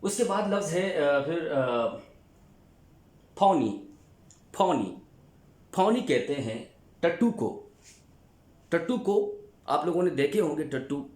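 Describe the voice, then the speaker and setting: A man's voice: a little high, very animated, takes it slowly, long pauses, a little mellow. A male teacher from Pakistan giving a vocabulary lesson, repeating each word and spelling it out letter by letter. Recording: echoey room.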